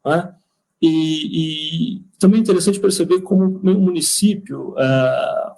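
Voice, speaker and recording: A man's voice: fairly high pitch, dark tone, rough recording. A man with a Brazilian Portuguese accent giving a conversational lecture, hesitant with many fillers and restarts. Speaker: lecturer, city attorney. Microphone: online stream.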